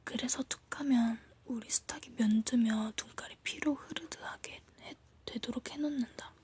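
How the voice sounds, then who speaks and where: Woman leaning in to whisper a story, breathy. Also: a little high, normal speed, a little mellow. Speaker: ASMR reader. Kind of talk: whispered ASMR reading of a short story.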